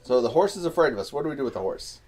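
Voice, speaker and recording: A man's voice: mid-range voice, big pitch swings, very fast, a little mellow. A man co-hosting a casual game playthrough, cracking dry, sarcastic jokes. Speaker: co-host of a gaming playthrough. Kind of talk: casual gameplay banter. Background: faint game music.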